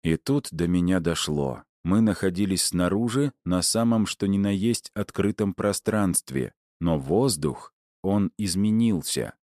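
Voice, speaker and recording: A man's voice: low voice, a little slow, darkish tone, no echo. A man narrating a first-person story as an audiobook, in a dry, wry manner.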